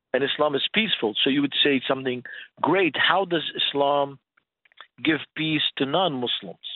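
A non-native English-speaking man teaches conversationally as a guest on the radio, posing rhetorical questions. His voice is mid-range and the recording dry, carried over a tinny, narrow, phone-like line.

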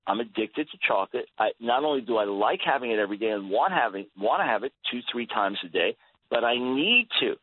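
A man's voice: mid-range voice, lively intonation, brisk, slightly rough. A man in his sixties talking as a guest on a radio interview, earnest and emphatic, often repeating words as he starts a thought. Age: 60s. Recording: tinny phone-line radio audio, dry.

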